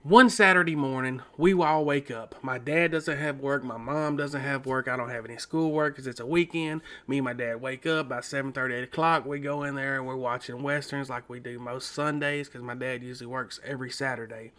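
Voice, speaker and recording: A man's voice: mid-range voice, steady tone, a little fast, few pauses, pushed and bright. A man earnestly retelling a frightening paranormal experience from his teenage years, dramatic and full of repetitions. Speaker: storyteller. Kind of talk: first-person paranormal story narration.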